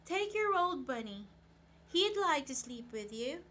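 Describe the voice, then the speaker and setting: A woman voicing a brisk, matter-of-fact, dismissive mother in a bedtime story. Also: high voice, sing-song, fairly bright tone, full character voice. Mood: brisk, exasperated.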